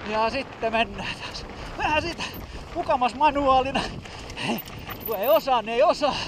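A man giving a casual running commentary as he rides a mountain bike trail, with breathless exclamations, swearing and self-mocking remarks. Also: very high voice. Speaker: mountain biker filming his ride. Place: outdoor bike park trail. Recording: outdoor wind noise on camera mic.

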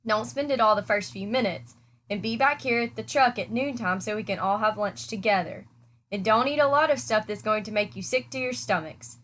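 A woman voicing an easygoing farm father in a storybook, giving calm, reasonable instructions. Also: medium pitch, a little fast, lightly acted.

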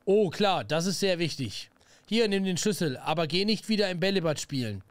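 A man's voice: sits high, expressive, normal speed, clean tone, dry recording, pitched above the performer's own voice. A man doing a lazy grumpy night guard. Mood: mocking.

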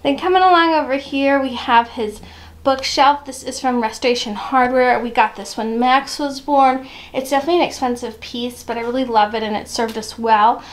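A woman's voice: high-pitched, normal speed. A woman in her thirties giving a chatty, upbeat home tour, often laughing as she talks. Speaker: mom vlogger. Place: house rooms indoors.

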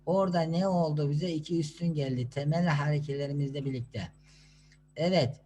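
A man teaching children to read Quranic letters, sounding out syllables slowly and patiently and answering his own questions. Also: a little high, mellow, slight background noise. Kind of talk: slow classroom instruction.

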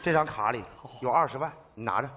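A man's voice: medium pitch, fast, noisy background. A man acting in a stage comedy sketch, earnest and persuasive. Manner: earnest, persuasive comic delivery. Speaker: comedy sketch actor playing the elder brother-in-law. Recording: stage mic with audience laughter.

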